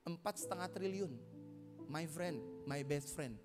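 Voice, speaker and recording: A man preaches a lively, joking sermon, dropping English phrases into his talk and climbing into loud, high exhortations. His voice sits high for a man. The sound carries the long reverb of a church auditorium, with instrumental music playing clearly beneath him. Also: unhurried. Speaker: pastor. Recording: hall reverb with music behind.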